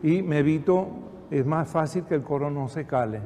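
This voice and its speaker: An older man with a fairly high voice leads a choir through a rehearsal, coaching patiently and encouragingly with a dry wit. His voice carries a long reverb from the hall, with a faint hiss of background noise. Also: moderate pace, mellow. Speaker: choir director. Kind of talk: choral rehearsal instruction.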